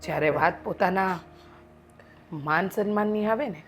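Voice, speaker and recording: A woman's voice: on the low side, normal speed, slight background noise, lightly acted. An actress playing a middle-aged wife and mother, indignant and emphatic. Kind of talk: short film acting. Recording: faint background music. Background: faint music.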